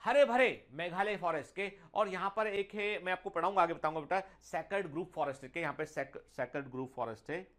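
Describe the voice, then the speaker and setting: This online exam-prep biology lecture is led by a man with a high, slightly bright voice. Switching between Hindi and English, he slows when reading English lines aloud, addresses students as "beta," and frequently tacks on "theek hai."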